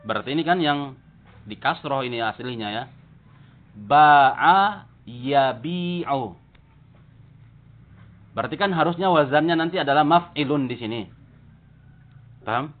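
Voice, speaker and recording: A man's voice: a little high, brisk, pauses often. Man teaching grammar, tinny phone-like sound. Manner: explains step by step, checks the class with "paham?" and "jelas?". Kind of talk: classroom lesson.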